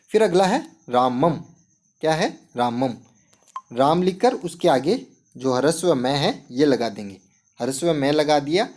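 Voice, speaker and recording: A man's voice: on the high side, a little mellow. Man, teacher, step-by-step explanation, rhetorical questions, classroom lesson. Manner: explains step by step, asks and answers his own questions. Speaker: Sanskrit teacher.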